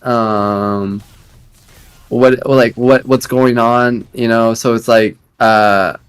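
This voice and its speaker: A man's voice: mid-range voice, steady tone, extremely slow, smooth. A man in his late twenties talking in casual voice chat, rambling with many fillers and restarts. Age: 20s. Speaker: guild leader.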